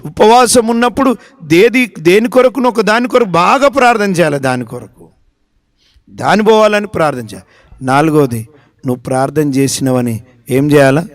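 Telugu-accented preacher guy, keeps firing questions at the crowd, fairly high voice. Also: normal speed, no room sound. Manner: emphatic preaching, repeats phrases and asks the listeners questions; acts out short prayers and dialogues in his own voice. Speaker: pastor. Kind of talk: sermon.

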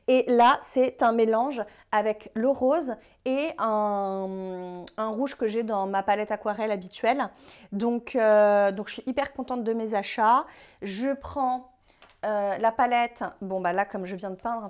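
A young woman from France chatting casually through her painting vlog, relaxed and full of little fillers. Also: on the high side. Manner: chatty, relaxed, many fillers like "euh" and "bah". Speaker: painting vlogger.

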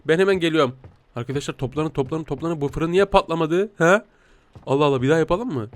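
A man's voice: on the high side, fast. A man giving playful, teasing game commentary as a talking cat, giggling often. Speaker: gaming YouTuber playing a talking cat.

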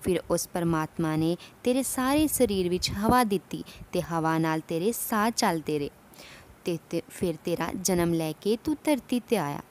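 A woman voicing a calm wise male saint. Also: sits high, moderate pace. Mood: admonishing. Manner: calm, instructive, preaching.

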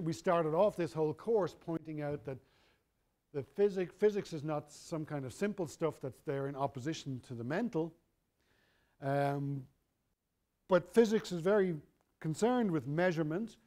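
A man's voice: a little high, dark tone. A middle-aged man, giving a university lecture in a wry, conversational way, often correcting himself mid-sentence.

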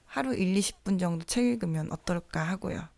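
Female podcast host, soft and reflective, lowish voice, dry close sound. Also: fairly quick, gravelly, no room sound. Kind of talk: scripted podcast monologue.

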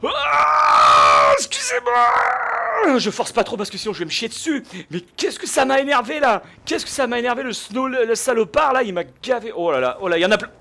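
Excitable young man raging over gameplay. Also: very high-pitched, fast talker, creaky, few pauses. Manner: excitable, bursts into rage shouts. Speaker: gaming YouTuber. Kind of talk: gameplay commentary.

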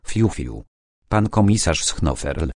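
A man's voice: low-pitched, animated, unhurried, dark tone, no room sound, clean studio sound. A man voicing a scheming, servile male estate steward in an old-time audiobook, muttering and grumbling his asides.

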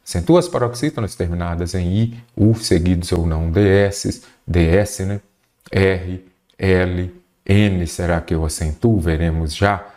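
A man's voice: low-pitched, darkish tone. A man teaching a Portuguese grammar lesson for an exam, explaining step by step and answering his own questions. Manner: stretches key terms slowly for emphasis.

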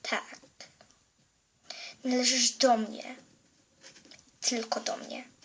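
A young female performer voicing a threatening female nightmare spirit in a whispered role-play, speaking slowly in a hushed voice. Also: on the high side, slight background noise, exaggerated voice. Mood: menacing whisper.

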